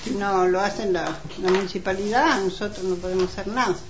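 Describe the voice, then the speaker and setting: In an amateur community radio drama, a woman with an Argentine accent plays Selmira, a neighbourly housewife hosting women for mate, in a semi-improvised chat. Her medium-pitched voice has fairly even intonation and is lightly acted, and she speaks haltingly and conversationally in a neighbourly, chatty mood. The recording is dull, lo-fi and clearly noisy.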